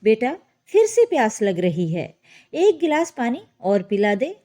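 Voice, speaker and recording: A gentle elderly mother, as a woman storyteller puts her on, speaking softly and tenderly. Her voice is high and lively in pitch, and she speaks slowly. The tone is dark and mellow. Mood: pleading. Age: older. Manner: soft, tender.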